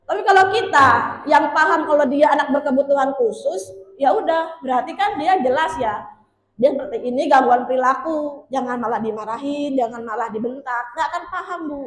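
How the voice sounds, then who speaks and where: A woman's voice: sits high, a little fast. A woman presenting at a workshop for teachers, chatty and casual, speaking straight to the audience as sir and ma'am. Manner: chatty, addresses listeners directly as sir and ma'am. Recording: echoey room.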